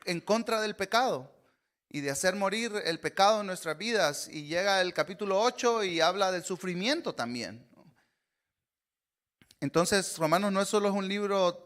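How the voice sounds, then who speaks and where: A man, preaching an earnest sermon as a guest speaker, often pausing on "eh" and checking in with "¿verdad?". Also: high voice, expressive, fairly bright tone. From Honduras. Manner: earnest, frequent "eh" fillers and "¿verdad?" tag questions.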